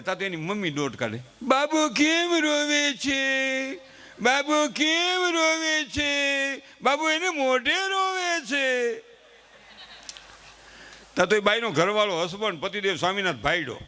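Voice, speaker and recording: The middle-aged man's voice is high, bright, and forceful as he performs a folksy comedy monologue on a live stage. Chatty and talking straight to the audience, he acts out the family members he quotes.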